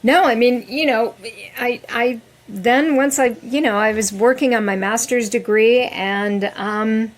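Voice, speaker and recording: A middle-aged woman talks casually as a podcast guest. Her voice sits a little high, and she tells her stories animatedly, restarting sentences as she goes. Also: a little slow, hardly any pauses.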